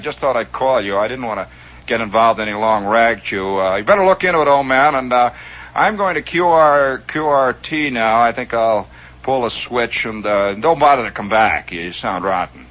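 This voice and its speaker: A man voicing a gruff, famous male radio ham who talks down to a newcomer in a brusque, dismissive way, on a dull lo-fi recording. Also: mid-range voice, expressive, normal speed, a bit bright, lightly acted.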